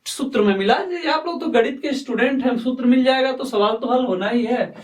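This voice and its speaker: A man teaching a lesson, speaking slowly and repeating himself, often asking questions and answering them himself. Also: very high voice. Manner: slow, repetitive, quizzing himself aloud. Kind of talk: explaining a lesson at a board. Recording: echoey room, voice far from mic.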